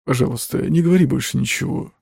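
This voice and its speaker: Narrator reads a rattled, pleading undertaker, dark gravelly voice. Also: male voice, mid-range voice, a little slow, no room sound, studio quality, full character voice. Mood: dismissive. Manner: pleading, whispering, nervous. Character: frightened middle-aged male undertaker.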